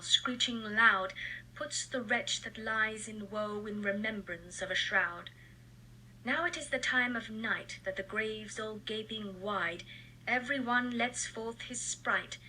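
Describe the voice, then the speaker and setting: A woman's voice: mid-range voice, bright, forceful tone, slight background noise, low-quality recording. A woman playing a mischievous night sprite, chanting rhythmic verse in a recorded stage reading. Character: mischievous sprite, playful and nocturnal.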